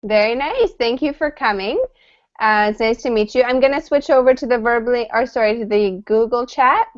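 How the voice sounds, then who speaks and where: A woman's voice: a little high, a little fast. Welcoming woman teacher on a call. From Canada. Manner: friendly, welcoming, laughs often. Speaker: English teacher. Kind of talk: online class greetings. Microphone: computer mic on video call. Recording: slightly dull video call audio.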